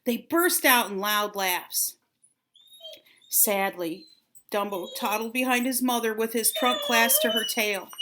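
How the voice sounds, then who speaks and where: Older woman reading with a bright voice. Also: fairly high pitch, slight background noise. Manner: deliberate, dramatic phrasing with drawn-out words. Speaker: grandmother reading a storybook aloud. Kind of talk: expressive children's storybook reading.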